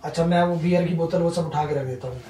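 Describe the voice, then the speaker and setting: तेज़ बोलता, मनाने की कोशिश करता आदमी. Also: male voice, a little high, fast, warm tone. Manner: pleading, placating. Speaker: husband. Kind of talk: defensive argument. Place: home bedroom. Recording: echoey room, far from mic, music behind.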